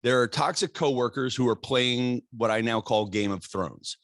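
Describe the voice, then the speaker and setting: A middle-aged man hosting a podcast interview, talking in an animated, halting way with restarts and fillers. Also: mid-range voice, no echo, studio quality. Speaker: podcast host. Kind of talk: casual interview chat.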